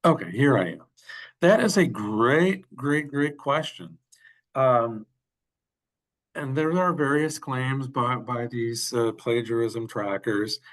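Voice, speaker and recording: A man giving a workshop over a video call, answering questions with halting speech and frequent fillers. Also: medium pitch. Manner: halting, many fillers and restarts. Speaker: workshop presenter. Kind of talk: webinar Q&A.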